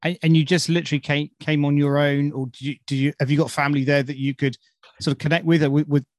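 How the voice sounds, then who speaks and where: A man's voice: a little high, little pitch movement, quick pace, no echo, clean studio sound. A British man hosting a podcast in an informal, enthusiastic, chatty way. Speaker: podcast host. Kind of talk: casual chat.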